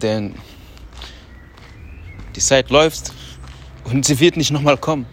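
A man hosting a podcast in a casual, motivational monologue, talking loudly on purpose in a loose, self-talking way with slangy asides, outdoors on a city street. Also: mid-range voice, slow, slight background noise. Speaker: podcast host.

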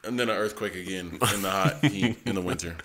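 A man's voice: sits low, a little fast, bright, forceful tone, slight background noise. A man co-hosting a podcast in casual chat, swearing and laughing often. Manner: loose, profane, laughing often. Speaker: podcast co-host.

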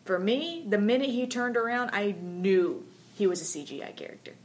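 A woman's voice: mid-range voice, expressive, normal speed. A woman in a casual podcast chat, talking in a chatty way with many fillers. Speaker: podcast co-host, 3D artist.

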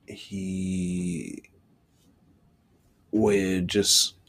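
A deep-voiced man hosting a solo podcast, talking through a personal story in a loose, casual way. He swears freely and leans heavily on filler words as he rambles on. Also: level tone, extremely slow, creaky, fairly bright tone, husky. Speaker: podcast host.

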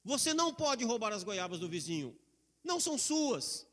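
A stern, calm mother lays down the law to her son, a preacher putting on her words. The voice sits high and bright. Long reverb hangs in a large hall. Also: normal speed, heavily acted. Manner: calm, firm.

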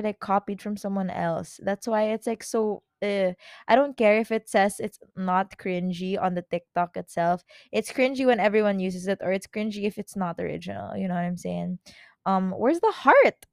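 A woman's voice: medium pitch, dry recording, studio quality. Chatty young Filipino woman podcaster. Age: 20s. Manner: chatty, rambling, full of "like" fillers and quick self-corrections. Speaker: podcast host. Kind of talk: casual solo podcast chat.

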